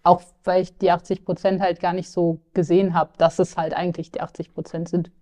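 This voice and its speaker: Young woman with a low, mellow voice. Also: little pitch movement, brisk. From Lower Saxony, Germany. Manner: candid, with filler sounds and restarts. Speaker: client interviewee. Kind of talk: casual podcast interview.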